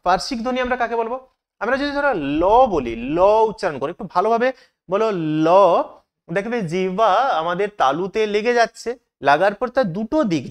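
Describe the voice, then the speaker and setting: A man teaching an exam-prep lesson. He asks questions and then answers them himself. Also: sits high.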